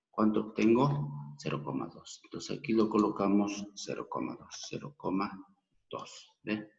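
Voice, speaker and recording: A man with a Peruvian Spanish accent, teaching a math lesson slowly and patiently, counting aloud step by step. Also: lowish voice, gravelly. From Peru. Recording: dull, roomy, echoey recording.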